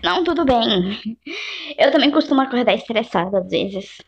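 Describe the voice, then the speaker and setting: A woman voicing a gentle, kind mother. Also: a little high, normal speed, husky, lo-fi sound. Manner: calm and soft-spoken. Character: gentle middle-aged mother, kind and composed. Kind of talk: amateur voice drama.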